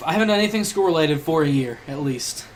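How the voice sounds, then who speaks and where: A man's voice: fairly high pitch, expressive, fast talker. A man in his twenties co-hosting a casual podcast, telling rambling stories full of fillers. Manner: rambling, storytelling with lots of fillers. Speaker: podcast co-host. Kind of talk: casual chat.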